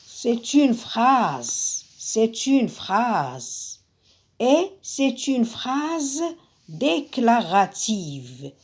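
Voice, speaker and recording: A woman teaches a grammar class at an unhurried pace. She says each example slowly and repeats it, then explains it again in Arabic. Her pitch rises and falls a lot as she talks. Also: a little mellow. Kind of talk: slow classroom grammar lesson.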